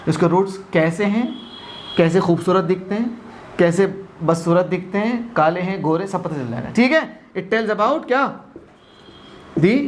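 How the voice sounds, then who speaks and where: Man, math teacher, classroom lecture, questions to students, Hindi-English mix, faint background noise. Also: high-pitched.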